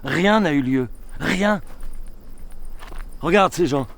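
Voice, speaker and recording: An actor playing a grandiose, disillusioned master on a futile quest, in weary theatrical declamation. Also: male voice, fairly low pitch, lively intonation, normal speed. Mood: agitated. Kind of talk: theatrical stage dialogue in French. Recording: music clearly behind the voice.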